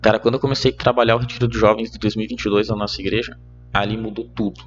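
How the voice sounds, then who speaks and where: A young man with a Brazilian Portuguese accent, a podcast guest telling a personal story in casual chat, animated and laughing between lines. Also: fairly low pitch, very fast, lo-fi sound, soft background music. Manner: animated, laughs mid-story, many fillers.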